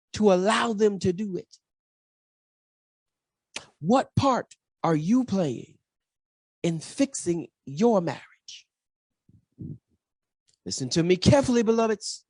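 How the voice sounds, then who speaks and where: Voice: medium pitch, warm tone, no room sound, studio quality. A pastor preaching a sermon, building emphasis through rhetorical questions and repeated phrases. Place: church.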